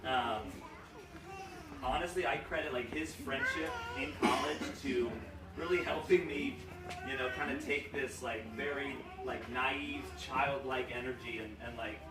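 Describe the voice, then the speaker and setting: Speaking a little slowly in a medium-pitched voice, a young man from Romania delivers a rambling, jokey best-man toast with lots of fillers. It takes place at a wedding reception and is captured in an echoey room, far from the mic, amid noise.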